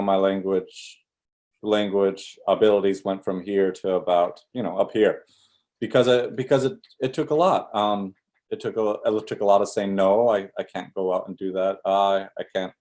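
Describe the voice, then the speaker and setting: A young man from Alaska talking reflectively on a panel, pausing often with fillers. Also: sits low, steady tone, a little mellow. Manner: reflective, hesitant, many fillers.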